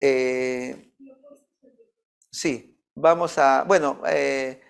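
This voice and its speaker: Gravelly man telling a story. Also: mid-range voice, fairly even intonation, extremely slow. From Peru. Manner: storytelling, acting out both sides of a dialogue. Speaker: youth group leader. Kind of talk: informal church talk with a personal story.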